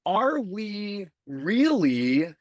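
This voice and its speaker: A healthcare security executive appears as a guest on a podcast, talking candidly in a conversational interview and often restarting phrases as he thinks aloud. His high-pitched voice is very animated and a little mellow, yet extremely slow. The recording has no room sound and its highs are cut off.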